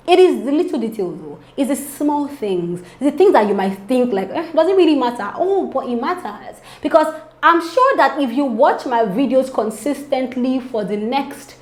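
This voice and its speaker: A young woman talks straight to camera, coaching her viewers on branding in a chatty, persuasive way. Her voice sits a little high for a woman. The studio around her sounds roomy and echoey. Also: expressive, moderate pace. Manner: chatty, persuasive, keeps asking "do you understand?". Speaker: branding coach and channel host. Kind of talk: direct-to-camera business vlog.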